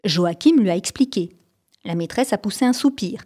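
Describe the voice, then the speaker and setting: A woman narrating a children's storybook, lively, raising her voice for the characters' lines. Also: mid-range voice, normal speed. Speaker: audiobook reader.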